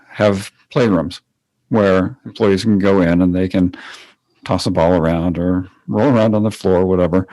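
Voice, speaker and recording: A man co-hosting a podcast as a Feldenkrais teacher, explaining ideas in a relaxed way with fillers. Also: sits low, no room sound, low-quality recording. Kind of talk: casual conversation.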